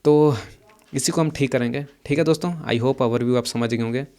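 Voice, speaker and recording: A young man explaining his options trades in a casual screen-share walkthrough, talking quickly and repeating points as he goes over his charts. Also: mid-range voice, a little mellow, smooth. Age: young adult. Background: some background noise.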